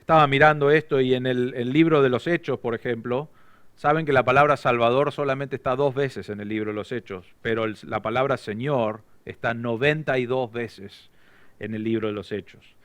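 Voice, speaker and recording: A man with an Argentine Spanish accent preaching an expository sermon as pastor, growing louder and higher for emphatic declarations. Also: steady tone, normal speed, smooth, no room sound.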